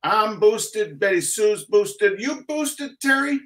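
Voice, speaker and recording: Over a video call from an indoor home studio, a middle-aged man hosts a lively art talk show interview with exuberant showmanship. His voice sits high and expressive, pushed and bright, and he takes his time.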